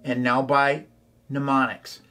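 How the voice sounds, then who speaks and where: Slow-talking man teaching ukulele over strumming. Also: medium pitch, level tone, loud music behind the voice. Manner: calls out chords and strums, chanting rhythm syllables. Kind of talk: instructional tutorial. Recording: ukulele playing behind the voice.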